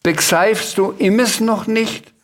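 A man reading aloud and voicing a small, anxious blue dragon who cannot pronounce the letter R, speaking slowly and plaintively. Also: a little high, fairly even intonation, vocal fry, full character voice. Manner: slow, plaintive, can't pronounce R.

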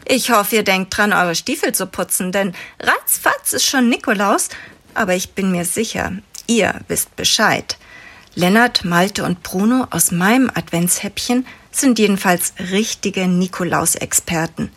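A woman telling a children's Advent story aloud in a lively read-aloud manner. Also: mid-range voice, a little slow, breathy edge.

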